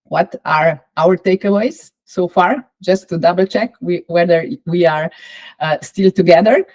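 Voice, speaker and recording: A woman with a Slovenian accent lecturing on a course, measured and explanatory, with frequent pauses and fillers. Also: medium pitch, warm tone, poor audio.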